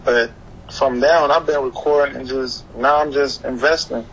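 The speaker is a young adult man, a hip-hop artist born in Haiti who moved to the US at eleven and now lives in Florida, chatting casually in an interview. He talks in slang, repeats phrases and frequently says "you know what I'm saying." His mid-range voice is steady and fairly bright at normal speed, with clearly noisy ambience behind him.

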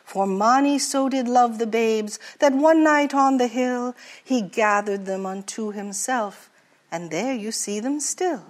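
A man's voice: very high voice, unhurried. A woman voicing a seafaring merchant from the far north who tells a tender moon legend in rhyme. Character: gentle Icelandic sailor-merchant, fond storyteller.

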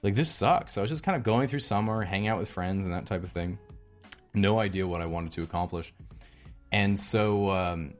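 Young man, low-pitched, casual rambling storyteller, dry and sardonic. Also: a little fast, faint music behind. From British Columbia, Canada. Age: young adult. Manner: rambling, sardonic, swears, frequent "like" fillers. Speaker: vlogger.

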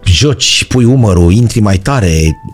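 A man hosting a podcast, chatting casually and chiming in with quick affirmations. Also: on the low side, animated, faint music behind. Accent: Romanian. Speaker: podcast host. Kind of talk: casual interview chat.

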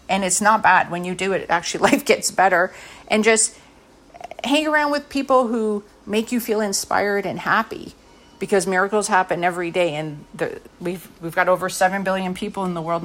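A woman's voice: fairly low pitch, a bit bright. Woman, middle-aged, podcast host, casual heartfelt talk, earnest, rambling, fillers.

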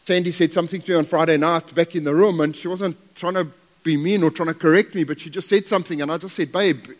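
A middle-aged guest preacher, a man from Zambia by way of South Africa, speaking in a fairly high voice. He is folksy and self-deprecating and wanders into asides. His voice rings through a church sanctuary with a long reverb. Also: steady tone, quick pace. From Zambia, raised in South Africa. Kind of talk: sermon.

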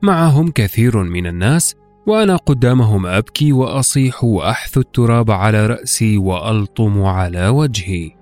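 A man's voice: lowish voice, expressive, normal speed, a little mellow, faint music behind. A man narrating a scripted literary tale in a formal, classical Arabic storytelling manner. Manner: formal classical Arabic recitation, acting out dialogue. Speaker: podcast host and storyteller.

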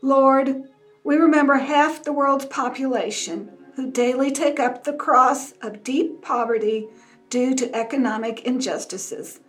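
A woman reads scripture and leads prayers in a slow, gentle, reflective way. Her voice is high and unhurried. Soft music plays behind her. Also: poor audio. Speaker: scripture reader leading prayers. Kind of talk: Good Friday scripture reading and prayer.

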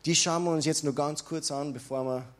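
A male pastor delivers a sermon in a slightly high-pitched voice. He moves between calm teaching and fervent, rising proclamation. He draws the congregation in with direct call-and-response prompts. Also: a little fast. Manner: passionate preaching, swings from quiet to loud proclamation.

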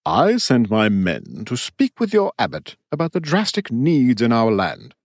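A man's voice: mid-range voice, huge pitch swings, gravelly, no echo, clean studio sound, exaggerated voice. A man voicing a genial middle-aged lord. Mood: concerned. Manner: genial, measured. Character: charming middle-aged male ruler, smooth.

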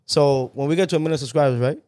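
A man's voice: a little high, fast, crowd noise. A man with a New York accent co-hosting a casual podcast, rowdy and teasing. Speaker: podcast co-host.

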